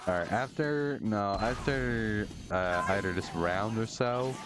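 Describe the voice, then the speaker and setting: A man streaming a shooter game live, commenting excitably, swearing a lot and rambling to his chat. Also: on the low side, slow. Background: game music.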